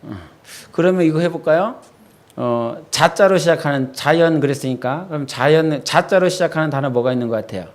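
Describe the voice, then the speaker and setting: A male pastor giving a midweek sermon in a church. He talks with the congregation, asks them quick questions, and goes soft and low when he quotes his own prayers. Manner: conversational preaching, quizzing the congregation with quick questions. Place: church sanctuary.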